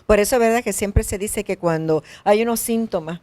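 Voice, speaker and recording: This health show host speaks at a moderate pace in a medium-pitched, slightly dark voice. She interviews a guest and rephrases the answers for her listeners.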